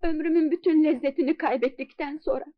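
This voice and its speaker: A woman's voice: sits high, fairly even intonation, fast talker, no room sound, lightly acted. A woman playing a lovestruck, anguished young Ottoman maiden, plaintive and declamatory in an old film melodrama. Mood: anguished pleading. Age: young adult. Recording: dull, dry old dubbed film soundtrack.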